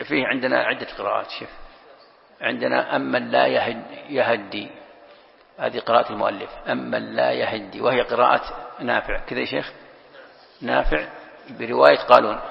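A sheikh teaches Quran exegesis to a class, explaining patiently, repeating key phrases, and quizzing his students. His mid-range voice is creaky, and the lo-fi lecture recording has a long hall reverb.

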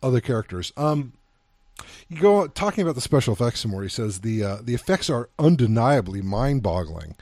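Halting man in a dry-sounding film chat. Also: mid-range voice, big pitch swings, a little mellow, no echo. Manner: halting, hesitant, thinking aloud. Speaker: podcast co-host. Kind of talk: casual film discussion.

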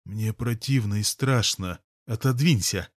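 Audiobook: male reader as a stubborn, tearful young woman, snappish, slightly higher voice. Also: a little slow, no echo, clean studio sound. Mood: frightened. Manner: sharp, petulant, tearful. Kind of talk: audiobook character voice.

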